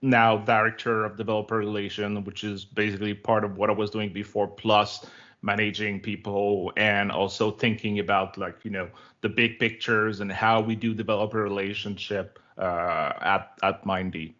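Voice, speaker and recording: On a lo-fi online call, a talkative interview guest from Quebec, Canada, chats casually and fills his speech with fillers. He's a native French speaker in his forties with a Québécois accent, speaking at normal speed in a lowish, level, slightly bright voice.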